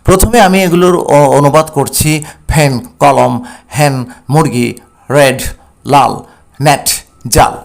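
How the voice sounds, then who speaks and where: A male teacher explaining a textbook English lesson, sounding out words slowly and filling pauses with "uh". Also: on the high side, vocal fry. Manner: slow and explanatory with many "uh" fillers.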